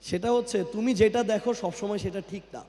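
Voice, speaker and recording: High-voiced man in a cathedral-like echo. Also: fairly even intonation, a little fast, warm tone. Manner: quizzes the crowd, mixes English into his talk. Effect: cathedral-like echo from a large hall. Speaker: guest speaker at a company event. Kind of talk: motivational speech to an audience. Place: large indoor event hall. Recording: long hall reverb on a PA microphone.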